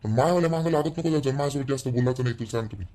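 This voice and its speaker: A man's voice: medium pitch, racing, warm tone, natural voice. A man playing a curt, cold young husband. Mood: dismissive. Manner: brusque, dismissive. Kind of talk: village family drama acting.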